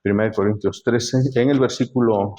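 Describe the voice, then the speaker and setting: A man's voice: fairly low pitch, steady tone, a little fast, mellow. A man preaching a sermon in a church, often turning to the congregation with rhetorical questions. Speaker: pastor.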